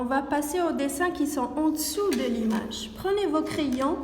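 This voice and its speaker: A woman's voice: high-pitched, a little mellow. Woman, teacher, children's phonics lesson, careful repetition, long reverb. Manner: slow, careful, repeating words and sounds. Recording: echoey room with long reverb.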